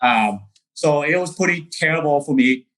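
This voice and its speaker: A man's voice: on the high side, animated, normal speed, a bit bright. Man, broker guest, earnest storytelling, lots of fillers. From Vietnam. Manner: earnest, many fillers and restarts. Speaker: guest, real estate broker. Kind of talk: casual interview storytelling.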